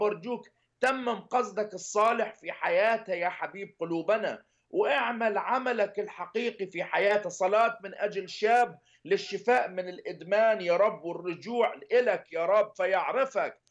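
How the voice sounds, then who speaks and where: High-voiced man in earnest prayer. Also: muffled recording. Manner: earnest, pleading, repetitive petitions. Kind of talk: intercessory prayer.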